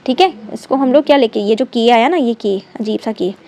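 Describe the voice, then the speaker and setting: A woman teaching a chemistry class. She reads textbook lines slowly, then explains them quickly, often asking the class questions and checking they follow. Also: a little high, darkish tone. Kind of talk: classroom lecture.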